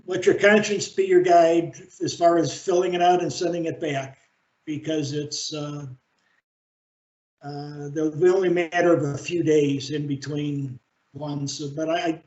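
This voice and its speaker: A man chairing a library board meeting over a video call, speaking in a halting, measured way with frequent fillers. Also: on the high side, a little mellow. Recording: roomy, dull video-call audio.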